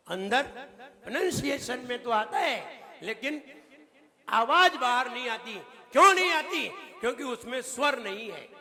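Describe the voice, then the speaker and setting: A man, a Jain monk, teaching pronunciation of a devotional hymn, patiently correcting and repeating words and slowly chanting verses. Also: very high voice, pushed and bright. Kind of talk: pronunciation lesson. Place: temple hall. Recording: long hall reverb.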